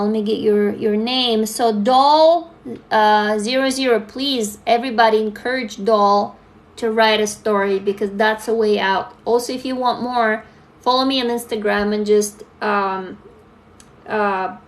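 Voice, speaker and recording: A woman's voice: mid-range voice, fairly even intonation, a little slow. A young adult woman from Russia, chatting candidly with viewers on a phone livestream and reading their comments aloud. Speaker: livestream host. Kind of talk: casual live-stream chat.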